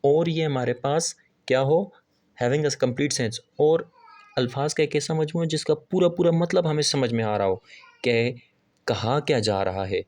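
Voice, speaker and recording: A male teacher walks through a grammar lesson at a steady, mid-pitched level. He keeps asking the class what something is called and then answers himself. He slows right down to read each definition word by word. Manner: asks the class rhetorical questions and answers them; reads English definitions slowly and deliberately. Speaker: English teacher. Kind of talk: classroom-style video lesson.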